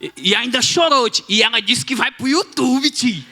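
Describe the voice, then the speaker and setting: Man, preacher, high voice, storytelling sermon. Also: normal speed. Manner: lively, acts out dialogue.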